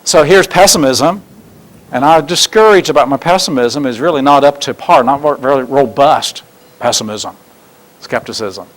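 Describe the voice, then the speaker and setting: A man giving a seminar talk, telling stories in an animated way and acting out the quotes. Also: mid-range voice, moderate pace, poor audio. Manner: animated storyteller, acts out quotes. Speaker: seminar presenter. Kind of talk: teaching talk with acted examples.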